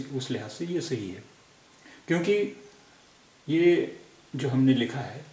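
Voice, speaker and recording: A man from India teaching a language lesson, patiently going over spelling corrections and repeating each word with many pauses. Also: medium pitch, a little mellow, reverberant.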